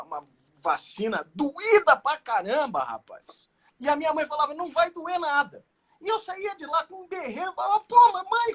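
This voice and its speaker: A man's voice: sits high, fairly bright tone, slight background noise. A middle-aged Brazilian man, a defense lawyer, explaining a legal argument in conversation, with emphasis, rhetorical questions and a story from his childhood. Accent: Brazilian Portuguese.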